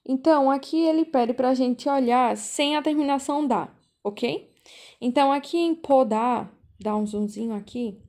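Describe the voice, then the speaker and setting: A high-voiced woman teaches an online class. She speaks slowly and patiently, and she often repeats herself and checks in with the students. Her voice comes through a video call. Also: darkish tone. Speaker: volunteer teacher.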